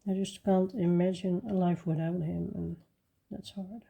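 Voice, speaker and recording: Woman chatting while coloring, slow and unhurried, mellow low voice, soft-spoken. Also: level tone, gravelly, husky. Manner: soft-spoken, rambling with fillers and restarts. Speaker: coloring channel host. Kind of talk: casual chat while coloring.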